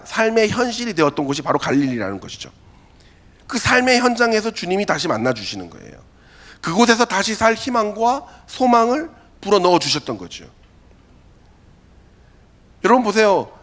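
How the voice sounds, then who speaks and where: A male pastor delivers a youth sermon in a lively, storytelling way, often slipping into the voices of the people he quotes. His pitch sits a little high for a man. It swings widely from phrase to phrase. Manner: animated storytelling, acts out quotes. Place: church worship hall.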